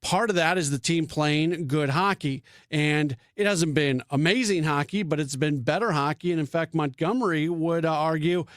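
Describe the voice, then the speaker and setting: A man's voice: a little high, moderate pace, hardly any pauses, dry recording, studio quality. A man hosting sports radio talk, thinking aloud with frequent restarts and fillers.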